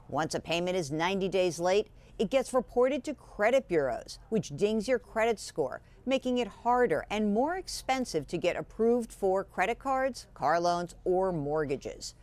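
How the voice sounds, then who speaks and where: A woman business analyst delivering a measured, explanatory news report. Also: medium pitch, very animated, a little mellow.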